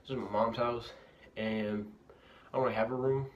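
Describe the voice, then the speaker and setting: A man's voice: mid-range voice, fairly even intonation, normal speed, highs cut off. A young man talking casually with a lip full of dip, reviewing a product in a bathroom. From Louisiana, United States. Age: young adult. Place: indoors, bathroom at a house. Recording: noisy amateur bathroom recording, clicks.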